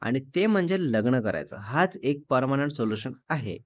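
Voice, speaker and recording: A man's voice: medium pitch, very animated, moderate pace, no echo, muffled recording, close to an everyday voice. A man voicing a jealous, cricket-loving young man who talks bluntly to his fiancée. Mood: soothing. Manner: dismissive, then blunt and possessive.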